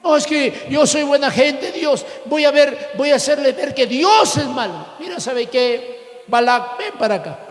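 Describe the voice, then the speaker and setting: A man's voice: extremely high pitch, expressive, measured pace. A man preaching, voicing the scheming prophet Balaam as a chummy, wheedling middle-aged man. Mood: sly chummy. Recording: echoey hall with long reverb.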